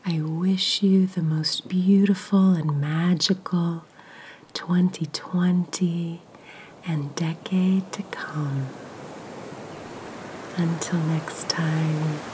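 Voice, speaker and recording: A woman whispering a slow guided meditation, breathy and soothing, with long soft pauses. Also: fairly low pitch, fairly even intonation, a little hiss or hum.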